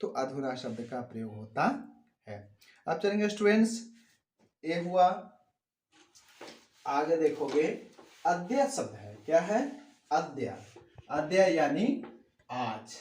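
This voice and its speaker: A man's voice: a little high, echoey room, slight background noise. A man teaching Sanskrit grammar to students. He reads each sentence out and then explains what it means, repeating the key words with emphasis. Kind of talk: classroom lesson explaining grammar.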